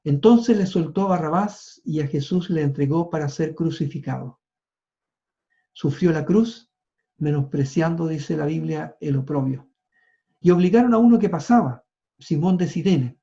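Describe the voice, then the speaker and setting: A male preacher gives a sermon, retelling scripture and stopping for casual asides. His voice is fairly high but dark in tone, and the recording sounds dull and lo-fi. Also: measured pace, vocal fry.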